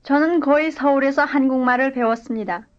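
A woman reading a scripted language-lesson dialogue and drill answers in clear, careful model sentences. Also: high voice, brisk, lo-fi sound. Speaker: language course speaker.

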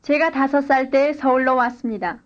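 High-voiced woman reading model sentences. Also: moderate pace, lo-fi sound. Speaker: language course speaker. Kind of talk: scripted language-lesson dialogue and drill responses.

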